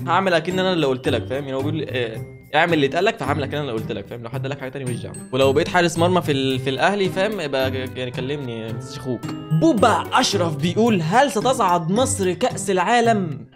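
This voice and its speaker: A young man with an Egyptian Arabic accent, joking his way through follower questions in a casual vlog, with music playing behind him. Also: on the high side. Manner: joking, rapid-fire banter, reading questions aloud. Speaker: YouTuber answering follower questions. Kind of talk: casual comedic vlog chat.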